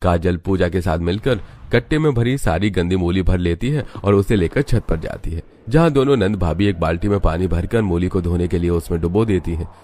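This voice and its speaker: A man narrating a cartoon family story in a steady, matter-of-fact way. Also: low voice, fairly quick, hardly any pauses.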